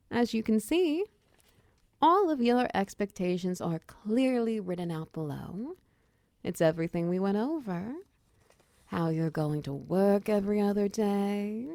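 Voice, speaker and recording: In a roleplay ASMR piece, a woman with a mid-range voice acts as a chatty, friendly female minotaur wizard who guides her apprentice with encouragement and gentle instruction. The recording is dry.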